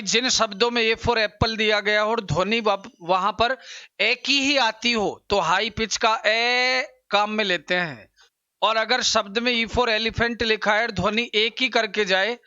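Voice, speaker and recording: A man teaching an English exam-prep lesson, explaining slowly and repeating pronunciations for his students. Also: high voice, bright, forceful tone, clear, resonant tone, dry recording, muffled recording.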